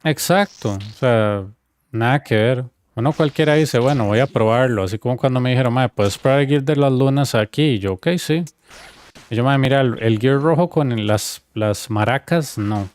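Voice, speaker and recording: Costa rican dude streaming a game, chatty, lively storytelling, acts out quotes. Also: male voice, medium pitch, moderate pace, smooth, no echo. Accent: Costa Rican Spanish. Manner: animated storytelling, acting out quoted dialogue. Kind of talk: casual gaming stream chat.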